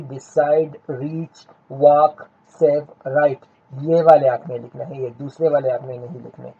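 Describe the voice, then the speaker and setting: A man teaching a textbook English lesson in Urdu, slowly and patiently going over each word and its meaning. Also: a little high, dark tone, breathy edge. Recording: dull lo-fi sound.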